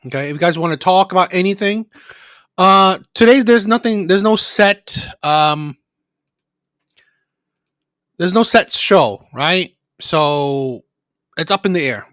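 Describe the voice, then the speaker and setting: A man from the Philippines hosts a livestream call-in show, chatting casually and unscripted to live viewers, rambling, repeating himself and often adding "right?" as a checking tag. His voice is high and fairly bright with lively intonation, and he speaks slowly with frequent pauses. The recording is dry and clean, studio quality.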